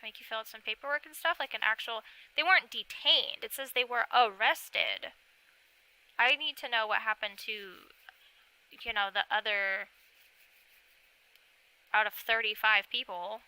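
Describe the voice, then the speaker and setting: Young female streamer, unhurried, bright crisp voice, chatty, thinks aloud. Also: a little high, fairly even intonation, low-quality recording. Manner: chatty, thinks aloud, reads a list of names and checks her pronunciation. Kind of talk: casual live-stream commentary. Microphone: desk microphone.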